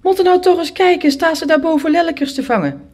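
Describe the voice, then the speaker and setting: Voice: very high-pitched, lively intonation, fast, darkish tone, voice pushed up. A storyteller voicing a scornful, gossiping older neighbor woman in a spoken story. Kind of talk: storytelling with character voices.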